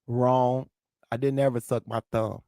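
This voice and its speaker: A St. Louis man with a lisp and a local South Midwest accent hosts a livestream, ranting heatedly and trading profane, confrontational jabs with commenters in the chat. His medium-pitched, dark voice comes across flat and a little slow, recorded at studio quality with no room sound.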